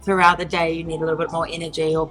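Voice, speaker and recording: This interview guest, a New Zealand entrepreneur in her thirties, talks very fast in a deep, somewhat bright voice with little pitch movement. The casual chat is full of fillers and laughs, and faint music sits in the background.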